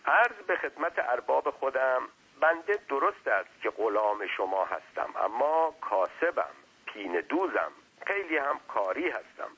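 A man's voice: medium pitch, sing-song, sharp tone, breathy edge, voice pushed up, heavily acted, poor audio. A man voicing a small, talkative non-human servant who speaks deferentially and lectures at length. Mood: lecturing.

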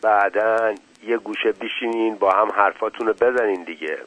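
A man voicing a hushed gambler keeping the peace. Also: fairly low pitch, close to an everyday voice, poor audio. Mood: placating. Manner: hushed, placating. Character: male gambler urging calm, low-voiced peacemaker.

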